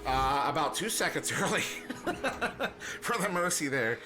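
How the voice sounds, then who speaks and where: A man's voice: on the high side, lively intonation, measured pace, music in the background. A young American man doing casual play-by-play commentary on an esports match, rambling and self-deprecating, often chuckling. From United States. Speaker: esports caster.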